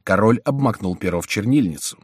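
A man narrating an audiobook in a steady storytelling manner. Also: on the low side, fairly quick, husky, no room sound, clean studio sound.

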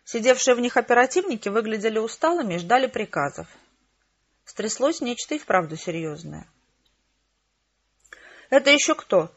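A woman narrating a novel in the first person with a steady, measured reading. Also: on the high side, muffled recording. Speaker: audiobook narrator.

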